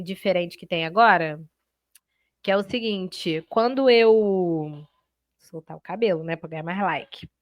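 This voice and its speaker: Her medium-pitched voice comes through clean, studio-quality sound with no room noise as she leads a live online Portuguese exam-prep class. Lively and chatty, she addresses students directly and checks in often.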